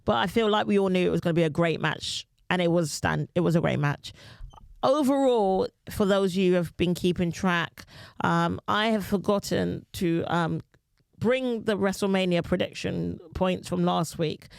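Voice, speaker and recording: A woman hosts a casual podcast, her voice gravelly with fry as she gives blunt, dry verdicts. The sound is close and dry, with no room around it. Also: fairly low pitch, moderate pace, no room sound. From London. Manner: blunt, dry, recapping matches. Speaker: podcast host, comedian. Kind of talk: casual chat.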